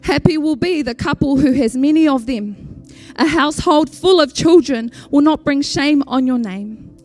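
A woman's voice: sits high, normal speed, warm tone. A woman with a Māori New Zealand English accent gives an informal, heartfelt tribute at church, hesitating and mixing Māori words into her English. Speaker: church member introducing an honoured elder. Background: music behind the voice.

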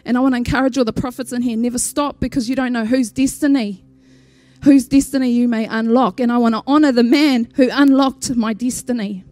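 High-pitched woman with Māori New Zealand accent. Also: steady tone, a little fast, dark tone, dry recording. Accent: Māori New Zealand English. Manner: heartfelt, hesitant, mixing Māori words into English. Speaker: church member introducing an honoured elder. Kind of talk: informal spoken tribute at church. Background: music behind the voice.

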